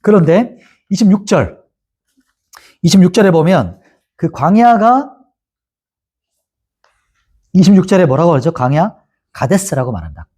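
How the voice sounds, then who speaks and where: A man's voice: sits high, very animated, measured pace, pauses often, warm tone, husky. A male pastor giving a Bible lecture, asking his class questions and answering them himself. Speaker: pastor teaching a Bible course.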